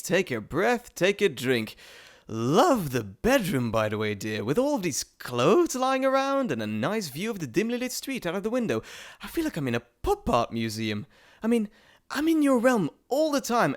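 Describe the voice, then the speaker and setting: A man with a high, exaggerated voice plays a playful, cheeky male Greek messenger god, a teasing trickster, in a dramatic roleplay monologue. He is chatty and theatrical, addressing the listener directly.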